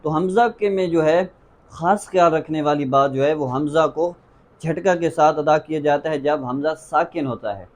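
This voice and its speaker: Man drilling Arabic letters, slightly high voice. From Pakistan. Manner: patient, drills letters by repeating them slowly. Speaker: Quran recitation teacher. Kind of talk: tajweed pronunciation lesson.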